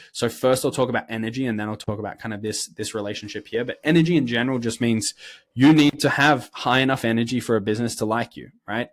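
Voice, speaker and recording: A man's voice: mid-range voice, no echo. A man in his twenties with an Australian accent, giving blunt, direct career advice to camera and often checking in with "right?". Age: 20s. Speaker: sales career coach. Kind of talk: instructional talk to camera.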